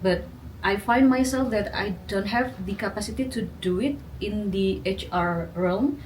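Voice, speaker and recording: A woman around forty with an Indonesian accent, answering interview questions in a thoughtful, halting way with many fillers. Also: mid-range voice. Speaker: interviewee, graduate student. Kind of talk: casual interview. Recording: distant mic, faint background noise.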